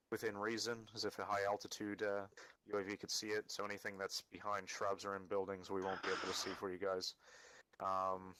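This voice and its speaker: Low, flat-voiced man giving a mission briefing. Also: no room sound, rough recording. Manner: matter-of-fact, directing, with halting hesitant delivery. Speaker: mission leader briefing a team. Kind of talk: military-style mission briefing for a game.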